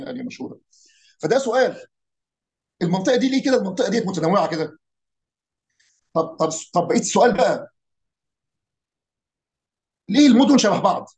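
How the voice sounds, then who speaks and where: A man's voice: high voice, darkish tone. A man with an Egyptian accent casually explaining regional dialects, asking rhetorical questions and imitating local pronunciations. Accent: Egyptian Arabic. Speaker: speaker on Arabic dialects and folk heritage.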